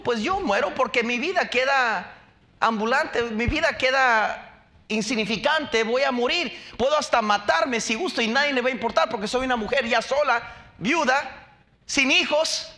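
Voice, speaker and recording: A male preacher voicing a despairing wife who pleads bitterly with her husband, in a high, bright voice. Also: heavily acted.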